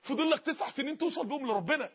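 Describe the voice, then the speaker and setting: A man's voice: very high voice, lively intonation, racing, dull audio. A man with an Egyptian Arabic accent preaching an impassioned sermon, pleading and urgent.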